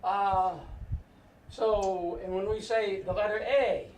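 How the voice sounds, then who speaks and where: A man's voice: high-pitched, steady tone, takes it slowly, a little mellow. An older man teaching a class, explaining pronunciation step by step and often checking with "right?". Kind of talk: classroom lecture. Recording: echoey room, mic far off, faint noise.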